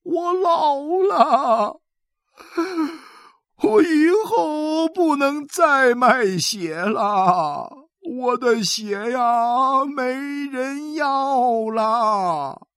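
A woman's voice: high-pitched, clean tone, dry recording, clean studio sound, voice pushed up. A woman doing a sobbing old man in a storybook. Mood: wailing grief. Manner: sobbing, drawn-out wailing speech. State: crying. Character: old male blood seller, weeping and heartbroken.

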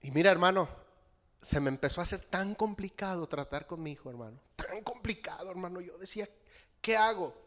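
A middle-aged pastor with a Mexican accent preaches a sermon in a high voice at a fairly quick pace. He is animated and keeps addressing the congregation as brothers.

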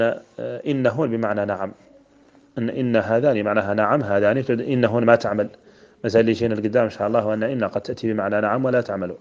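Fast-talking sheikh explaining grammar, dull lo-fi sound. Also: male voice, on the low side, a little mellow. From Mauritania. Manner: repeats and spells out word forms, chants quoted verses. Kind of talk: explaining a grammar poem line by line. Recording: dull lo-fi recording.

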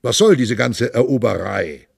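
A man's voice: medium pitch, animated, moderate pace, creaky, darkish tone, slightly rough, no room sound, clean studio sound, exaggerated voice. A man voicing a seasoned, skeptical old male knight who speaks cautiously and questions the others.

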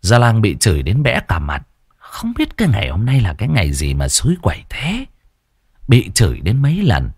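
A man tells a ghost story in a low, husky voice. His delivery is animated, rising and falling with the tale, and the recording is dry and close. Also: normal speed, dry recording. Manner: lively, colorful storytelling.

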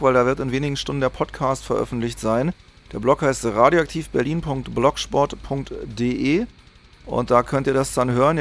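A man presents a community radio programme, reading announcements and talking to listeners. His voice sits at a medium pitch with plenty of fry, and music plays behind him. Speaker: radio host. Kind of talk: community radio announcing, partly read from notes.

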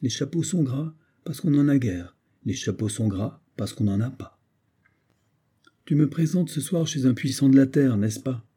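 A man's voice: mid-range voice, lively intonation, normal speed, dark tone, husky. A man doing a wry, broke young painter. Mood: exasperated. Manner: wry, exasperated. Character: penniless, sharp-tongued male painter, young adult.

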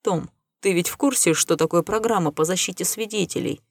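A woman's voice: on the low side, fairly quick, no room sound. Woman voicing a glib lying spacer man. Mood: smooth, persuasive. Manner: confident, lying with easy enthusiasm. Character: scheming smooth-talking male spacer, glib liar. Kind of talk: audiobook character reading.

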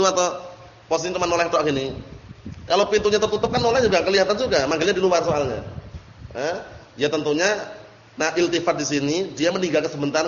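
A man's voice: high-pitched, fairly bright tone. Man teaching in an echoey hall. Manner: explains a text line by line, asks the audience questions. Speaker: Islamic teacher. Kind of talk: religious study lesson. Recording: echoey hall, dull lo-fi audio, faint hiss.

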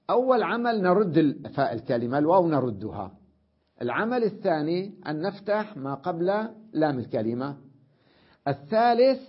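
Husky-voiced man teaching grammar. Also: on the high side. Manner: drills words aloud, often checks understanding with a question. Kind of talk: classroom grammar lesson. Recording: dull lo-fi lecture recording.

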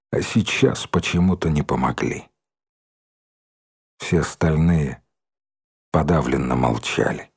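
A man reading a story aloud in an expressive, dramatic narrating style. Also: deep voice, breathy edge. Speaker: audiobook reader.

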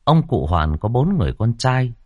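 A man narrating a ghost story audiobook in a measured, dramatic storytelling manner. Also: mid-range voice, big pitch swings, dry recording, highs cut off.

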